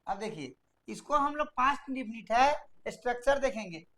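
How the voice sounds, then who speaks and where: A woman teaching English grammar in a video lesson, drilling students to repeat rules aloud and dictating sentence structures slowly, word by word. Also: fairly high pitch, animated, fairly bright tone. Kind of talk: classroom-style video lesson.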